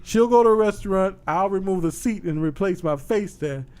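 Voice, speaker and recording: A male podcast co-host with a notably high-pitched voice. He riffs in casual comedic banter and leans into crude, boastful jokes. His delivery is relaxed and self-assured. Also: moderate pace, clear, resonant tone.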